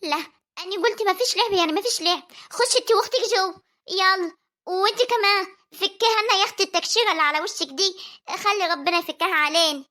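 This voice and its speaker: Performer doing a fussing Egyptian village mom, very high, rapid and bright, scolding but tender. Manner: scolding yet tender, coaxing. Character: worried village mother of young daughters. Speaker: mother. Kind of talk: homemade family drama voice acting.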